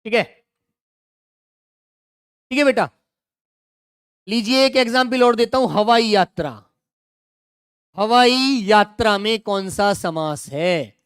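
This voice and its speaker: A middle-aged male teacher running an online exam-prep grammar class, repeating each example and coaxing students to answer quickly. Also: sits high, fairly bright tone, clean tone, no room sound, clean studio sound.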